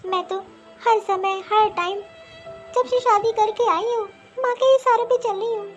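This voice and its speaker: A woman's voice: very high-pitched, fairly even intonation, normal speed, lo-fi sound, faint music behind. A woman voicing a wronged young daughter-in-law. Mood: aggrieved. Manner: earnest, pleading then firm. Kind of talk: cartoon voice acting.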